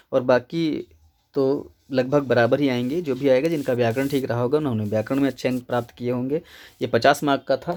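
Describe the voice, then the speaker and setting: A man's voice: a little high, darkish tone. Man teaching Hindi grammar step by step. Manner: explains step by step, repeats key words, checks in with "ठीक है". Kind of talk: exam answer-key lecture.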